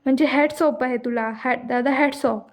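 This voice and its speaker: A woman's voice: high-pitched, fairly even intonation, brisk, natural voice. A woman voicing a drunk young man who speaks sarcastically and mockingly, in her own voice.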